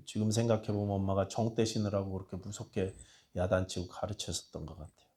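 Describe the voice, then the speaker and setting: Korean pastor preaching in a low voice. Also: male voice, steady tone, fast. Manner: storytelling, dropping to a hushed voice for tender quotes and rising to loud appeals. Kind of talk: sermon.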